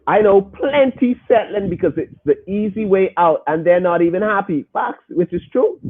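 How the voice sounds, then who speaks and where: This male podcast host has an expressive, high-pitched voice and a moderate pace as he responds to listeners' comments, addressing them head-on in an emphatic, preachy tone. It's recorded with a phone-like, narrow-band quality.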